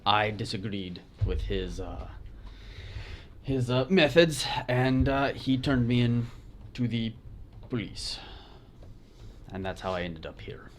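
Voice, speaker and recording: A man voicing a surly, vengeful male prisoner in a put-on, deliberately bad Spanish accent, speaking in halting, clipped phrases during a tabletop game. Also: medium pitch, expressive, a little hiss or hum. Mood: bargaining. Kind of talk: tabletop role-play.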